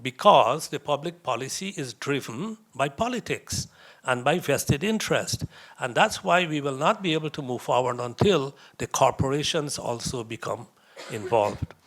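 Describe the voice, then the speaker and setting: A man from India, giving a conversational lecture to young visitors, anecdotal with chuckles and asides. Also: mid-range voice.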